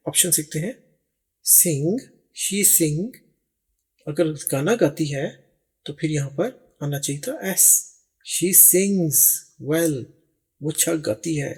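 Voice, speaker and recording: Man, English teacher, gravelly voice, raspy tone, patient step-by-step explaining. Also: fairly high pitch, darkish tone. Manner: reads each English phrase slowly and deliberately. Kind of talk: explaining grammar exercises.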